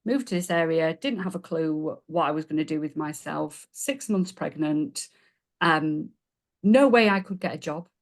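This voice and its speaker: Here a low-pitched woman in her forties from Yorkshire, England, talks at normal speed. She's a business coach guesting on a podcast, sharing her story casually with warmth, chattiness and self-deprecating laughter.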